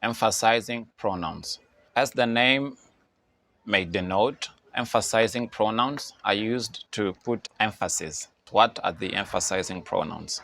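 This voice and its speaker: Guy giving a slow english lesson, says everything twice, crisp bright tone. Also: lowish voice. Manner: repeats each phrase slowly for learners. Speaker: English teacher. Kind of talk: slow, deliberate grammar lesson.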